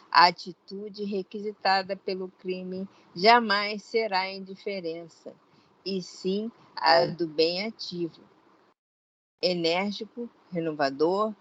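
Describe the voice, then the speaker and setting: A woman with a Brazilian Portuguese accent reads a spiritual text aloud to her study group, unhurried and deliberate. Her voice sits at a middle pitch and comes through dull, lo-fi call audio. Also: fairly bright tone. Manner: measured, deliberate reading. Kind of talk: slow formal reading aloud.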